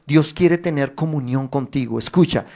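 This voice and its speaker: A man pastor preaching a streamed sermon, addressing viewers directly with emphatic rises and pauses. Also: medium pitch, warm tone. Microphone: streamed online service.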